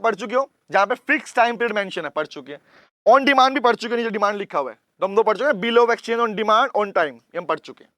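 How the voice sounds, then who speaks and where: A man teaching commerce in a classroom lecture, mixing Hindi and English terms, often repeating points and letting his voice fall soft at phrase ends. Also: high-pitched, no echo, clean studio sound.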